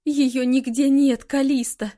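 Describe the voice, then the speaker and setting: A woman's voice: sits high, fairly even intonation, slow, mellow. A woman voicing a distraught mother with a trembling, sobbing voice. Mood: shaken. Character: distraught mother whose child is missing.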